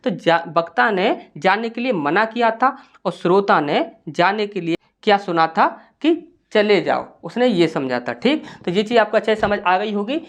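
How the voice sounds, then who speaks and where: A man's voice: sits high, expressive, normal speed. A man teaching a Hindi grammar lesson, explaining step by step and asking the class rhetorical questions before answering them.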